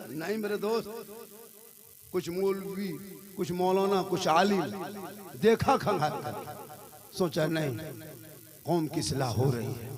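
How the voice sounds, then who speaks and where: Fiery male preacher, very high voice, declaiming to a noisy gathering crowd. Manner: declaiming, rhythmic and rhetorical, with sudden shouts and soft drops. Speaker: Islamic preacher. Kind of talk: fiery sermon at a religious gathering. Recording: live gathering with crowd noise.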